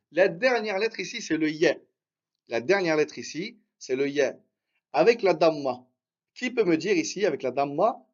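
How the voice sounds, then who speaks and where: A man teaching Arabic reading in a live online lesson, encouraging his students and drilling syllables slowly with much repetition. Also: sits high, lo-fi sound.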